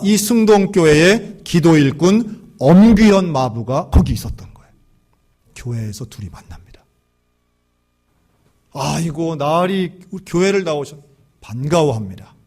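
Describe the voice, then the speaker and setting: A man preaches in a storytelling sermon, moving his fairly high voice up and down with a lot of life. His tone has a husky edge. He slips in and out of the voices of the people in his story. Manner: lively storyteller acting out dialogue. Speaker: pastor.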